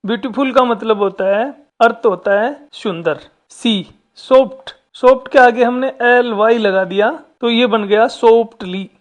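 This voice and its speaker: A woman's voice: fairly high pitch, measured pace. A woman teacher, patiently explaining a workbook lesson step by step and talking straight to the children.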